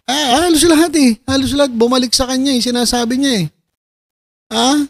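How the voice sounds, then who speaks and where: A man's voice: very high-pitched, steady tone, a little fast, no room sound. A man giving casual reaction commentary, mocking and sarcastic, often breaking into laughter. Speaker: video commentator.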